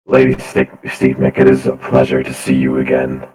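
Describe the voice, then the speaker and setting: A monotone robot lord posing as a human noble. The voice sits extremely low and barely moves in pitch, with stiff, halting courtesy. It is played in a tabletop roleplay game. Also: male voice, slight background noise. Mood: stiffly courteous. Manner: courtly, hesitant, halting speech. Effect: flat robotic voice.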